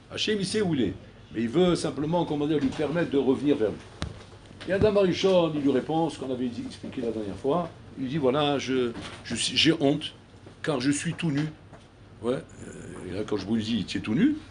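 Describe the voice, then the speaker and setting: A man, a rabbi, giving a recorded Torah class, animated and acting out dialogues between figures, mixing in Hebrew terms. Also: a little high.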